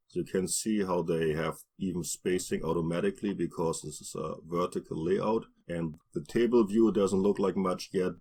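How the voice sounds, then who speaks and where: A man narrating a screen-recorded programming tutorial, walking through each step plainly with frequent pauses and restarts. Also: deep voice, a little mellow, breathy edge. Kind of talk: screen-recorded coding walkthrough.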